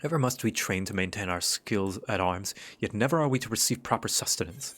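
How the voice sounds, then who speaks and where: A man's voice: on the low side, expressive, brisk, a bit bright, voice pushed down. Man playing a formal, courteous fantasy knight. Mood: earnest, formal. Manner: formal, old-fashioned, flowery phrasing. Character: weary, courteous fantasy knights and camp folk. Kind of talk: read-aloud game dialogue.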